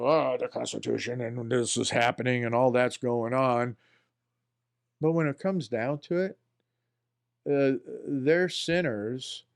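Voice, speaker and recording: A man's voice: mid-range voice, a little mellow, clean tone. A man hosting a political commentary show in a folksy, rambling style, often talking to himself. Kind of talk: casual spoken commentary.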